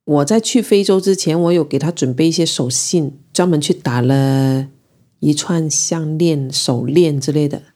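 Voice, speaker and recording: Low, mellow woman from Guangzhou; reflective first-person storyteller. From Guangzhou, China. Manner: reflective, unhurried and emotional in recounting. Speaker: interviewee telling her own story.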